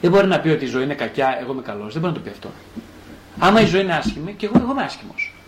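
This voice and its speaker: A man with a fairly high voice lectures as a psychotherapist, and his pitch swings widely as he asks questions and answers them himself. Now and then he slips into the first-person voice of a child. The room is echoey, with faint noise underneath. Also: lively intonation.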